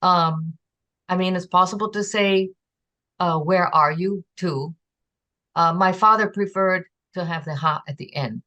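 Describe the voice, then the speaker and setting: A woman giving an online lecture on a constructed language, explaining slowly with pauses and sounding out example words. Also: lowish voice, pushed and bright. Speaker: presenter teaching a constructed language. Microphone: video call.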